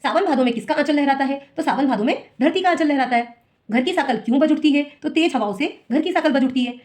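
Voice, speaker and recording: A woman teacher solving an exam paper for students, reading each question and then explaining the answer patiently. Her voice sits a little high. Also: fast talker, a little mellow.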